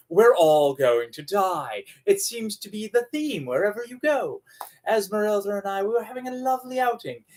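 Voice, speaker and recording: A man hosting a tarot video, delivering a dramatic, sarcastic monologue that swings between loud declarations and hushed asides. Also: high voice. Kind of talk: theatrical monologue to camera.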